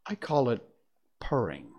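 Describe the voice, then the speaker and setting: A man's voice: medium pitch, huge pitch swings, unhurried, darkish tone, husky, heavily acted. A man voicing a polite, curious young girl who is a little timid, in a raised, prim and careful voice. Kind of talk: storybook reading.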